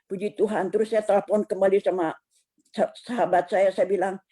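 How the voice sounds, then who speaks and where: A woman's voice: medium pitch, fairly even intonation, brisk, dark tone. An older woman giving an emotional, rambling personal testimony over a video call, with many restarts. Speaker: congregation member giving a testimony.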